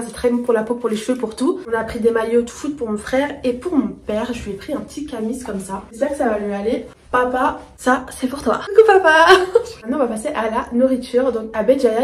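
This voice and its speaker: A woman's voice: a little high, a little mellow. A young woman chatting enthusiastically to her viewers in a casual vlog, talking them through things she picked up. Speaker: vlogger. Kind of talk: casual haul chat to camera. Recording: echoey room.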